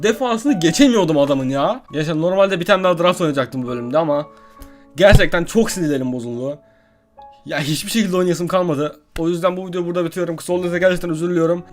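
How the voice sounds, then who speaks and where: A young man doing live gameplay commentary as a gaming YouTuber, excitable and swinging from muttering to frustrated outbursts. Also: high-pitched.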